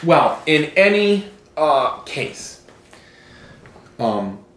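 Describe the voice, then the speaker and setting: A man's voice: a little high, big pitch swings, extremely slow, fairly bright tone. A man co-hosting a casual podcast chat, rambling and restarting his sentences. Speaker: podcast co-host. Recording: roomy echo.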